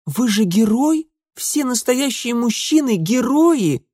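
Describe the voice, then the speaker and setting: A man voicing a pair of teasing young society sisters in a sing-song, high voice. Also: huge pitch swings, normal speed, dry recording, studio quality. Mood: teasing, gushing.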